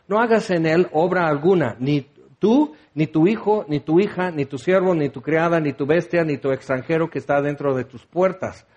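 A preacher with a fairly high voice for a man. He talks through his sermon casually, firing off rhetorical questions and slipping in wry asides. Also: darkish tone, highs cut off. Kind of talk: conversational sermon.

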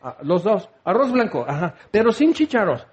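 A man's voice: high voice, sing-song, normal speed, muffled recording. A man acting out a fussy restaurant customer who rattles off a detailed order.

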